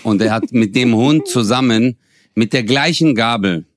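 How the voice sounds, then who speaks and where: A young adult man co-hosting a comedy podcast, telling stories in an animated, mocking rant full of slang and laughter. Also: medium pitch, normal speed, dry recording, studio quality. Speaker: podcast co-host. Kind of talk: comedic casual storytelling.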